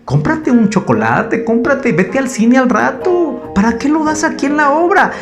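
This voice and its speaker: A man's voice: extremely high pitch, very animated, measured pace, over music, voice pushed up, heavily acted. A preacher putting on the voice of a talking banknote printed with a nun's face, coaxing the giver to keep his money.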